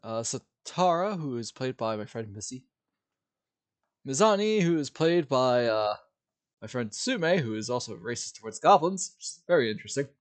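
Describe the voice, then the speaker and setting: A man running a tabletop game as game master on a livestream, talking in an upbeat, animated way through a headset mic. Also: medium pitch, normal speed. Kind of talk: narrating a tabletop game stream.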